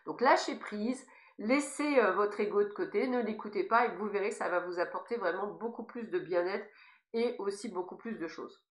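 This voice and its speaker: A woman's voice: mid-range voice, moderate pace. A woman with a lisp on her s sounds gives informal spiritual guidance, speaking emphatically and encouragingly straight to her listeners. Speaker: spiritual guide giving guidance messages. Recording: echoey, reverberant room sound.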